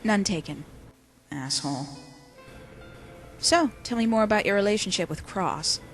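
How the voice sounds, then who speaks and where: A woman's voice: medium pitch, lively intonation, normal speed, echoey room, long reverb tail, faint music behind, natural voice. A woman playing a sassy, cynical bat spy in a scripted audio drama, with a sarcastic, sardonic way of talking.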